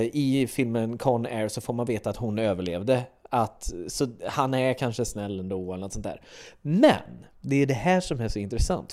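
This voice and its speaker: Male podcast host, lively film chat, mid pitch, keeps recapping plots. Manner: animated, acts out film lines, many fillers.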